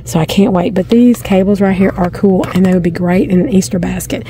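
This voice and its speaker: In this casual shopping vlog, a middle-aged woman films her hands on a handheld phone inside a large discount store. Her medium-pitched voice runs a little fast as she chats, muses aloud and grows excited over discoveries; faint hiss or hum is audible.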